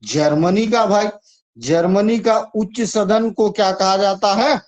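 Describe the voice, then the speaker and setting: In dull, lo-fi audio, a man with a high-pitched voice takes his time teaching an exam-prep lesson. He is chatty and repetitive, coaxing students through memory tricks.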